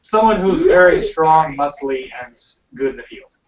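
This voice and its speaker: A man playing a tabletop game, talking in a polite, deliberate way. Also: a little high, lively intonation. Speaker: player. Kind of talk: casual tabletop game talk. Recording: roomy, distant, dull amateur recording.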